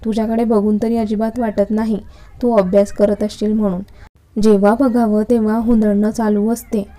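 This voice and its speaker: A woman's voice: mid-range voice, level tone, moderate pace, warm tone, close to an everyday voice. A woman reading the part of an irritable young male college lecturer in a story, speaking in a curt, scolding manner. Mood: irritated.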